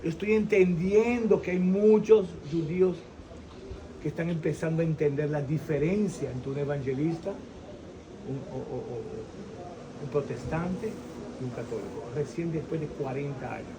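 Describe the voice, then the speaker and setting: A man in his sixties from Venezuela giving a lively faith testimony in an interview, acting out the people in his story and pausing to search for words. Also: fairly high pitch, noisy background. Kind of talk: animated personal testimony.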